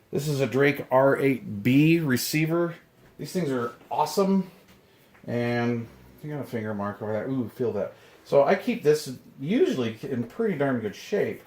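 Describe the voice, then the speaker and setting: Here the radio-collecting host speaks in a mid-range voice with a darkish tone, handling items from boxes in a room indoors. He keeps up a relaxed, rambling unboxing chat, half muttering to himself. The recording carries room echo plus distinct noise and clicks.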